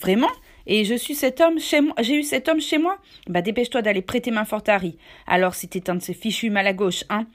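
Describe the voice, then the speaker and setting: Long John Silver, a loud blustering pirate innkeeper, as a woman puts him on. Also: mid-range voice, expressive, fairly quick, close to an everyday voice. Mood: agitated. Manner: loud, gruff, bossy scolding. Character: jovial, blustering one-legged male pirate innkeeper. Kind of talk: storybook reading.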